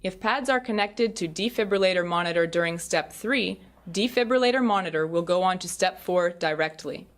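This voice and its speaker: Roomy distant sound, female instructional narrator, scripted delivery, measured explanations, medium pitch. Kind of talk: scripted product tutorial narration. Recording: roomy, distant, clearly noisy recording.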